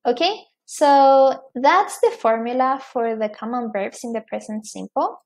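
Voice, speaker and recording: A woman teaching English grammar in Spanish, speaking her English examples slowly and often checking in with her students. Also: fairly high pitch. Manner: slow, careful reading of example sentences. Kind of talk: online grammar lesson.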